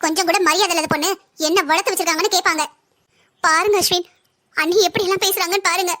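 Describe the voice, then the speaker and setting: A woman voicing a bossy, sharp-tongued older sister-in-law who taunts and scolds in a cartoon family story. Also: extremely high pitch, steady tone, quick pace. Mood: scolding.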